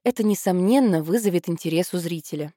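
A woman's voice: fairly low pitch, fast talker, mellow, dry recording, studio quality, natural voice. Woman doing sly teasing younger sister.

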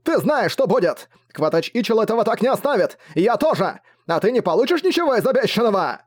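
A man voicing a furious villain mage in an audiobook, shouting venomous threats. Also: sits high, lively intonation, fast talker, voice pushed up. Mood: enraged.

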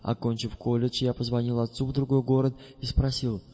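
A man reading a first-person audiobook in a measured, deliberate way. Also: medium pitch, flat delivery, dark tone. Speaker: audiobook narrator. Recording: dull recording with long reverb.

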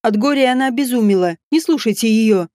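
Woman reading as a quiet, resigned peasant man. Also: on the high side, lively intonation, a little fast, dry recording, studio quality, close to an everyday voice. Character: guilty peasant husband ready for execution.

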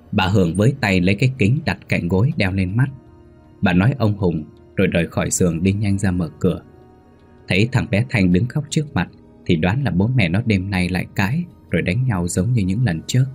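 A man narrating a ghost story in a steady storytelling manner. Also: deep voice, breathy edge.

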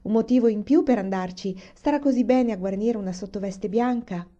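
A woman voicing a dreamy, delighted teenage pioneer girl in a storybook reading, bright and wistful. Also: mid-range voice, fairly quick, lo-fi sound, voice pushed up, close to an everyday voice.

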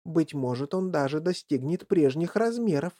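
An excitable, eccentric chocolate-factory owner, put on by the audiobook's reader, his voice leaping up and down in lively swings. The tone stays dark and mellow under the theatrics, exclaiming and musing in a storybook way. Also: medium pitch, moderate pace, voice pushed up, natural voice. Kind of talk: audiobook character reading.

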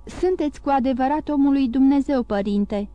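Storybook role: a woman doing a greedy, excitable innkeeper, fervent and loud, in a mellow, fairly high voice, dry. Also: dry recording, close to an everyday voice. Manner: exclaiming, fervent.

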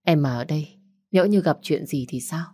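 A woman doing a gentle comforting young man. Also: sits low, moderate pace, slightly rough, no echo, studio quality. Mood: coaxing. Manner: coaxing, protective.

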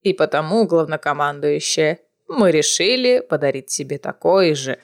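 A woman voicing a cruel, imperious old witch matriarch in a storybook reading, speaking slowly and low. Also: animated. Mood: cold, commanding.

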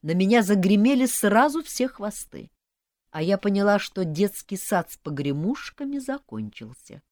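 A woman reading a humorous fantasy story aloud, with ironic, expressive storytelling. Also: medium pitch, normal speed, no echo, clean studio sound. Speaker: audiobook narrator.

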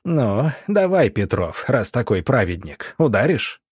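A man's voice: medium pitch, sing-song, unhurried, a little mellow, husky, no room sound, clean studio sound, exaggerated voice. A man voicing a sleazy, scheming male military doctor who talks smugly and wheedles, then snarls when cornered. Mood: snarling.

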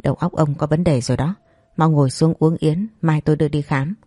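Bossy older mom, curt and scolding, warm low-key tone, read by the narrator. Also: steady tone, fairly quick, no echo, clean studio sound, faint music behind, close to an everyday voice. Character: brisk, stern older mother and wife.

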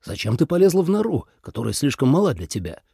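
A man voicing a self-assured male god of war who asks plain, blunt questions in a somewhat lowered voice in an audiobook. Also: sing-song, fast, gravelly, mellow, breathy edge, no echo, clean studio sound, heavily acted.

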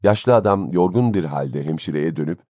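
A man reading a story aloud as an audiobook narrator, in a measured, expressive way. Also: deep voice, no echo, clean studio sound. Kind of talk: scripted narration.

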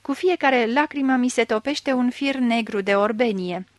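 A woman's voice: fairly high pitch, no room sound, natural voice. A woman reading the part of a desperate blind old man who begs and cries out in anguish. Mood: fervent.

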